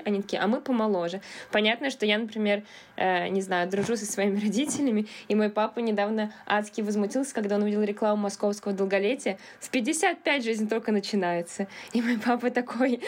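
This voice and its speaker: Chatty young woman in her twenties. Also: medium pitch. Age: 20s. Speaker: guest, PR manager. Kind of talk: casual podcast chat.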